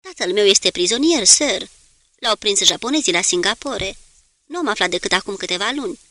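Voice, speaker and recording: A man's voice: sits high, expressive, bright, forceful tone, dry recording, heavily acted. A woman reading a nervous young male ship's machinist who speaks in hesitant, broken-off sentences. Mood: halting, anxious.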